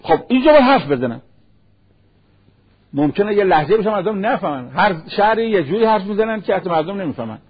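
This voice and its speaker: A man with a husky voice pitched high preaches a sermon. He drops into a slow recitation for Arabic verses and fires off rhetorical questions. The sound is dull and lo-fi, like an old radio broadcast. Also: sing-song. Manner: rhetorical questions, acts out imagined speakers. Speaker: cleric. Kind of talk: sermon on marriage.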